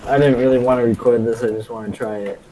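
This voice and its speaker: In a mid-range, steady, mellow voice, a young gaming channel host quizzes his friend and jokes around while playing, keeping things upbeat with quick side comments. There is slight background noise, and the recording quality is low.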